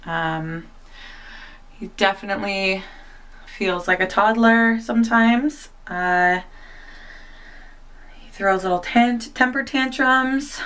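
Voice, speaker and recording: Speaking at a slow pace with frequent pauses, this young woman has a mid-range, slightly bright voice. She's a new mom chatting casually to camera at home, self-deprecating, with lots of fillers, and her voice is a bit far from the microphone indoors.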